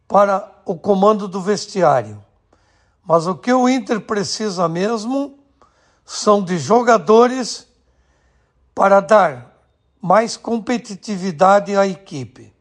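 Slow, high-voiced radio man. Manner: measured, deliberate reading with short phrases. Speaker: radio sports commentator. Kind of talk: scripted radio sports commentary.

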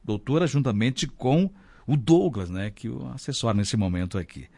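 A man's voice: mid-range voice, lively intonation, moderate pace, gravelly, dark tone. A man from Rio do Sul hosting a morning radio interview, who asks leading questions and keeps adding "né?". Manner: leading questions, tag "né?" often. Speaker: radio host. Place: radio studio.

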